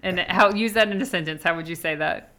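A woman's voice: lowish voice, brisk, fairly bright tone. A middle-aged American woman and mother hosting a casual family chat, rambling and laughing often. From United States. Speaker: mother and channel host.

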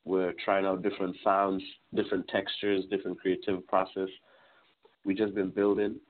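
A young man in his twenties from Trinidad and Tobago, talking casually as a musician guest in an interview, relaxed and rambling. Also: sits low, normal speed. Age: 20s. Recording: tinny phone-like line.

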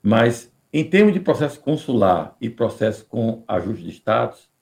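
A man with a Brazilian Portuguese accent answering immigration questions on a live podcast, measured and deliberate, often restarting words. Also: mid-range voice, sing-song, vocal fry, a little mellow.

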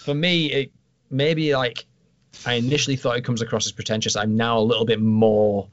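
A man's voice: medium pitch, level tone, brisk. A man from England in casual chat as a podcast co-host, dry, teasing and blunt with swearing. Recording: dull lo-fi sound.

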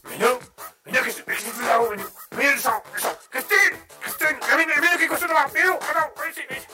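A man doing a gravelly cat-coaxing fusser. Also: very high voice, huge pitch swings, quick pace, bright, forceful tone, soft background music, full character voice. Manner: pleading, repetitive calling. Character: fussing man calling his cat down.

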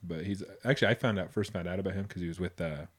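A middle-aged man hosting a podcast in casual chat, swearing freely and talking briskly. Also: low-pitched. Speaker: podcast host.

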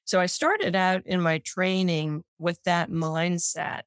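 An older woman with a Tidewater Virginia accent, explaining things in a measured, conversational way as an interview guest. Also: lowish voice, flat delivery, clean tone, no echo, studio quality. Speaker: interview guest, clinical psychologist.

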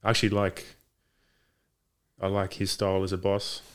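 A man's voice: deep voice, completely flat delivery, moderate pace, slight background noise. A man in a casual chat as a guest, talking in a hesitant, rambling way. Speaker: podcast guest, boxing coach. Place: home garage.

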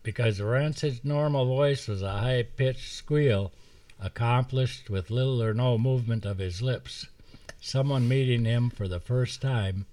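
An older man reading comic short stories aloud in a wry, unhurried way, recorded at home from a distant mic in a dry room. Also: fairly low pitch, dark tone. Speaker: storyteller.

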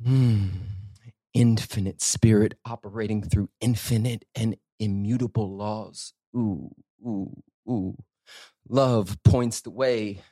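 A man's voice: fairly low pitch, a little mellow, dry recording, clean studio sound. A man hosting a spiritual self-help podcast, speaking off the cuff in an emphatic, preacherly way, with rhetorical questions and repetition. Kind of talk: impromptu motivational talk.

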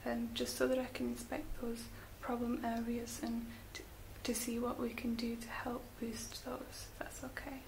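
Woman, ASMR spa roleplay, soft slow whisper, fairly high steady pitch, audible hiss. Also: creaky, low-quality recording. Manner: soft whispering, gentle and slow, many small fillers. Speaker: ASMR roleplay host as a spa beauty therapist. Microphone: close sensitive mic. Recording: hissy close mic.

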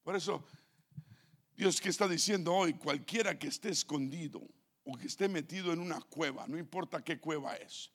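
A man with a high, gravelly voice preaches a sermon as a pastor. He drops to quiet, almost offhand remarks, then climbs to loud shouted lines. He drags out the phrases he wants to land. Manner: swings between soft asides and loud shouted declarations; slow, drawn-out emphasis on key phrases. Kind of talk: Pentecostal-style sermon.

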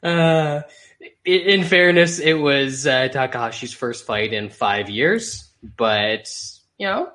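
A man's voice: medium pitch, lively intonation, takes it slowly, sharp tone. A man co-hosting a casual sports podcast, making jokey points and laughing through them. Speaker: podcast co-host.

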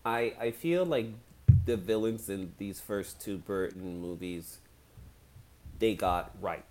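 A man with a low voice talking through films in a relaxed, measured way. He leans on fillers like "you know". The tone is easygoing chat among friends. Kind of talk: casual film discussion.

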